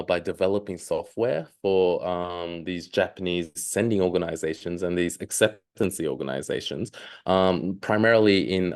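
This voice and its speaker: Low-voiced man presenting a webinar. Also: darkish tone, clean tone. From Australia. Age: 30s. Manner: hesitant, many ums and uhs. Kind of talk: live online presentation.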